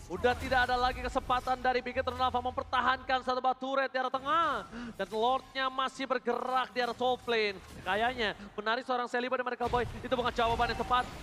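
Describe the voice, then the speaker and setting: A male Indonesian esports caster with a very high-pitched voice. He delivers play-by-play like a fighting game announcer, racing through dramatic, excitable calls and dropping in English gaming terms. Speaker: esports shoutcaster.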